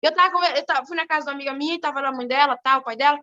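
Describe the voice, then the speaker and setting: A teenage girl giving an animated church testimony, telling her story in a quick, lively way. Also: high voice, lo-fi sound. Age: teens. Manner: animated, fast-moving storytelling. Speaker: testimony giver.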